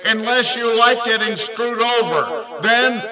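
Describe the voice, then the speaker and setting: Man doing a store intercom announcer, deadpan, slow, high-pitched, distant, crowd behind.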